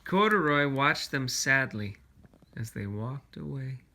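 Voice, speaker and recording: Father reading aloud, male, gentle and conversational, storybook narration mixed with casual questions for a child. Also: mid-range voice, lively intonation, a little slow.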